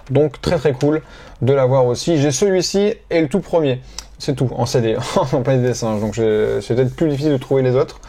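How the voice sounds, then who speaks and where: A man with a warm, mellow voice chats casually about items from his collection. He talks off the cuff, often pausing to search for words and restarting sentences. His pitch sits in an ordinary middle range. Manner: hesitant, many filler sounds and restarts. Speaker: collector presenting his purchases. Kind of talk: casual unscripted show-and-tell.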